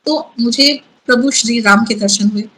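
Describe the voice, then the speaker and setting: A woman guest telling a personal story in an interview, earnest and halting, often restarting her sentences and mixing in English words. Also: fairly high pitch, a bit bright, rough recording. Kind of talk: personal testimony in a conversational interview.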